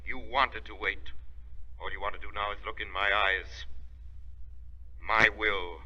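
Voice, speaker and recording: An actor playing a stern, commanding, unseen avenger, theatrical and deliberate, in 1930s radio drama style. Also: male voice, fairly low pitch, steady tone, bright, forceful tone, exaggerated voice. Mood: hypnotic. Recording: muffled old 1930s radio recording.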